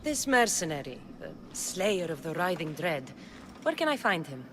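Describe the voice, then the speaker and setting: A woman's voice: lowish voice, sing-song, normal speed. An actress playing a tough, wry female mercenary hero of ancient Greece in a video game, with a blunt, resolute delivery. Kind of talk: dramatic video game cutscene acting. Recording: loud background music.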